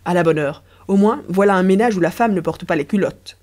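Stubborn proud concierge man, voiced by a woman, insistent, self-satisfied, warm mellow tone, storybook. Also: on the low side, brisk, lightly acted. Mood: matter-of-fact.

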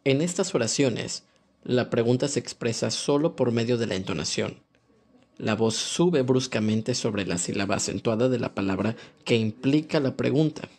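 A man reading an audiobook language lesson aloud in a calm, measured instructional way. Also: mid-range voice, creaky. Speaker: language course narrator. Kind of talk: scripted audiobook narration.

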